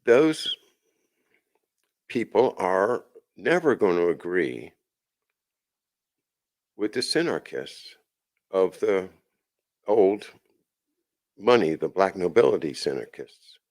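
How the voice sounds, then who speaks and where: A man's voice: deep voice, sing-song, takes it slowly, long pauses, a little mellow. A man hosting his own show, talking casually in a rambling monologue full of restarts and asides. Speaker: podcast host.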